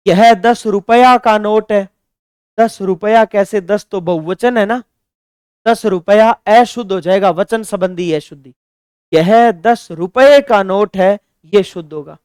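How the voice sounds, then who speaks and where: A man teaching a Hindi grammar lesson for exam preparation. He reads example sentences slowly, then corrects them emphatically. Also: sits high, a little mellow, smooth, dry recording, clean studio sound. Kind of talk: exam-prep grammar lecture.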